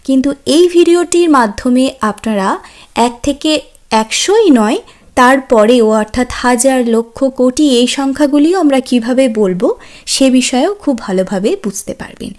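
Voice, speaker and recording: A woman teaching a language lesson, patiently repeating each word for learners to echo. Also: high voice. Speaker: French teacher. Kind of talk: slow, clear language lesson.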